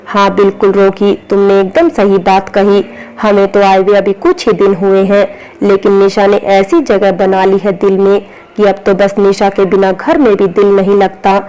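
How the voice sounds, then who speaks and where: Lady reading a warm agreeable aunt, storybook. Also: mid-range voice, little pitch movement, normal speed, lightly acted, rough recording. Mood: fond. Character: fond, agreeable middle-aged aunt.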